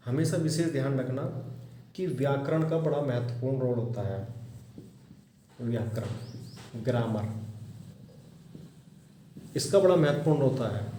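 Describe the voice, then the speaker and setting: A man teaching a grammar lesson, explaining slowly and repeating example sentences. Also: mid-range voice, mellow, slight background noise. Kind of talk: classroom lecture on grammar. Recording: echoey room with faint ambience.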